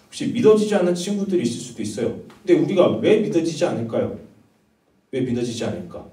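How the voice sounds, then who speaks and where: Youth pastor in an echoey church hall. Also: male voice, medium pitch, mellow. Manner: storytelling, asks the audience questions. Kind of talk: sermon to teenagers. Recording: roomy echo, voice from far off.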